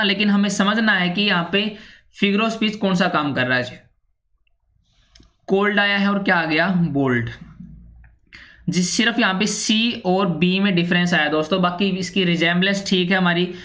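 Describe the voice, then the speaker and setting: A woman's voice: mid-range voice, moderate pace, fairly bright tone. A woman teaching an English grammar lesson, explaining step by step and filling her talk with constant little check-ins. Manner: repetitive, with constant "theek hai" and "ji" fillers.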